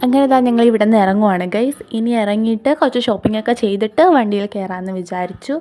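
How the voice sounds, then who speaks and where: Talking fast in a medium pitch, this travel vlogger does a casual voice-over in Malayalam sprinkled with English words. She has a Kerala accent, and music runs in the background.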